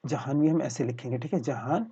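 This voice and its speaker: A man's voice: medium pitch, fairly quick, dark tone, husky. A man teaching a Hindi spelling lesson for exam aspirants, spelling words out syllable by syllable and repeating a filler phrase as he asks and answers his own questions. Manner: talks to viewers as friends, asks questions then answers them. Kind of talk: spelling lesson over slides. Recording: dull lo-fi voice-over.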